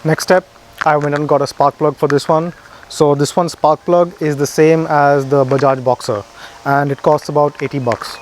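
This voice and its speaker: A man with a slightly high voice, explaining motorbike repairs step by step in a relaxed, plain-spoken manner. He is outdoors, with faint background noise behind him. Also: normal speed. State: a bit out of breath. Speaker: motorcycle vlogger. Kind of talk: casual how-to narration. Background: idling motorbike engine.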